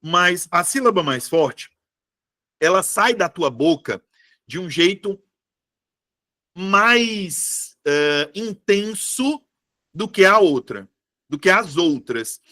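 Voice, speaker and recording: Chatty male teacher, high voice. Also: big pitch swings, measured pace, fairly bright tone. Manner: chatty, checks in often with the viewers. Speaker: online exam-prep teacher. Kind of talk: live online class.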